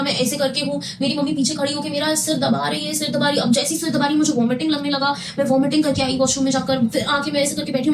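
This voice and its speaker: A woman's voice: high voice, noisy background. A young woman casually telling her own health story to her viewers, emphatic and repeating phrases for stress. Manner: emphatic, repeats phrases, mixes Hindi with English.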